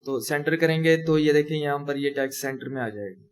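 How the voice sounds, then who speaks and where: A man's voice: a little high, brisk. A young man teaching a coding lesson, talking through each step as he types and correcting himself as he goes. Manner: talks through each step while typing, self-correcting. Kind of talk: screen-recorded coding tutorial.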